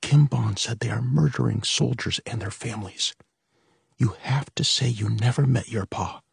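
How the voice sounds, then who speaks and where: A man performs the part of a frightened, stern mother, whispering urgent warnings to her children and drilling them harshly. He pitches his medium voice above his natural range, with lively intonation, an unhurried pace, a darkish tone and a breathy edge. The sound is clean studio audio with no echo.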